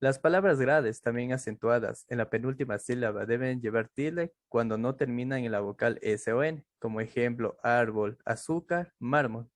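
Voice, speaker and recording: A man's voice: medium pitch, moderate pace, few pauses, dry recording. A man giving a class presentation, reading steadily with occasional fillers. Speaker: student presenter.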